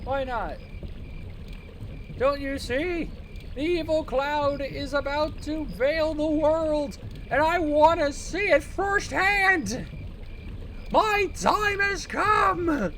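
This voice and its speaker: A gamer voicing a melodramatic old grandpa who rants slowly about the end of the world. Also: fairly bright tone, a little hiss or hum, full character voice. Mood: ranting. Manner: shrill, slow and melodramatic. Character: ranting doomsaying old grandpa.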